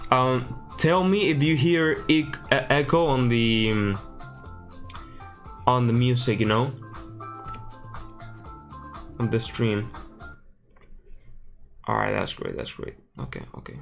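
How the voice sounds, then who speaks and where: Male streamer, loose live chat, narrates his own fiddling with settings, mid-pitched, faint music underneath. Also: slow, gravelly, long pauses. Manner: chatty, thinks aloud while fixing settings. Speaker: streamer reacting to a livestream.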